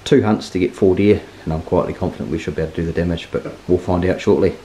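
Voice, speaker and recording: Hunting guide, male, broad Kiwi accent, low voice, laid-back and matey, noisy recording. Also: fairly even intonation, fast, mellow. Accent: broad New Zealand. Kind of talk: casual chat. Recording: clear background noise, clicks.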